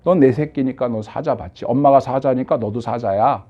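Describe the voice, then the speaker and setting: A man's voice: mid-range voice, moderate pace, mellow, lightly acted. A man voicing a mother lioness who firmly reassures her cub in a sermon story, on a dull lo-fi recording. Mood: reassuring. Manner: firm, reassuring.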